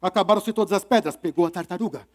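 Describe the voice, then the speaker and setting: Animated, high-voiced male storyteller. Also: fast. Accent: Brazilian Portuguese. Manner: animated, playful, asks the audience questions. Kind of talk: live storytelling for an audience. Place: literary fair event.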